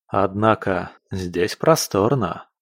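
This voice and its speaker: A man narrating a fantasy audiobook in a steady, even storytelling manner. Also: low voice, slow pace, no echo, studio quality. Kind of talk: scripted narration.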